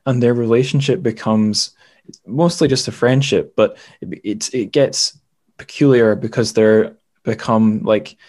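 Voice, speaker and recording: A podcast host and interviewer rambles casually through a literary discussion, tentative and often correcting himself as he feels his way toward a point. His voice is lowish and darkish in tone, fairly even in intonation, and unhurried.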